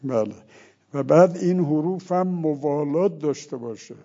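A man's voice: on the high side, warm tone, dull audio. A man giving a seminary lecture on religious law, explaining step by step and reciting short Arabic phrases as examples.

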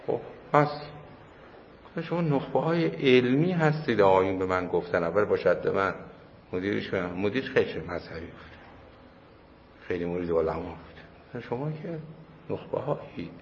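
A man's voice: low voice, pauses often. A man giving a religious lecture to a class in a casual, conversational way, telling anecdotes and repeating his points for emphasis. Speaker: cleric lecturer. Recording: muffled hall recording with faint noise.

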